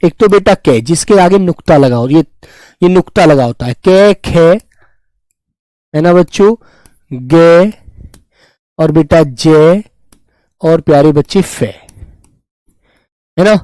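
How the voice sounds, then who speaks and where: Grammar teacher guy, high voice, keeps calling students kids, dry close sound, reads comments. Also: takes it slowly, long pauses, warm tone, no room sound, poor audio. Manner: addresses students fondly as children, repeats terms; reads and answers viewer comments. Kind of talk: online class lecture.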